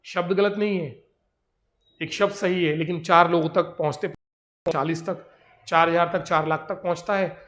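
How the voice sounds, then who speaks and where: A man with an Indian accent teaching English grammar in a classroom lecture, explaining in Hindi and reading English examples slowly. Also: a little high, fairly even intonation, fairly bright tone, roomy sound.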